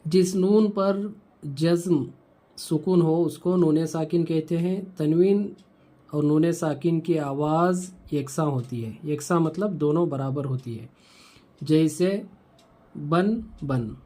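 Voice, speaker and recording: A man teaching Quran reading, patiently repeating each syllable of the lesson slowly for learners. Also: a little high, dark tone. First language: Urdu. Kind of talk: slow recitation lesson.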